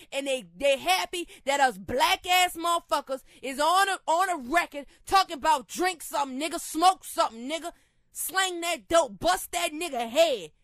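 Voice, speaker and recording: A high-pitched woman speaks with a New Orleans accent, heard up close with no room sound at all. Her monologue turns impassioned and preachy, dropping low and thoughtful, then rising to loud shouting. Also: dry recording. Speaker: rapper. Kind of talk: emotional spoken monologue.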